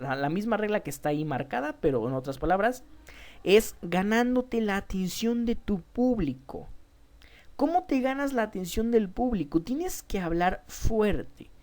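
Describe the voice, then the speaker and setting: A woman with a Mexican Spanish accent leads a public speaking lesson as a teacher. Her voice sits low and sounds mellow and relaxed. She speaks emphatically to her students, often repeating a word as she restarts.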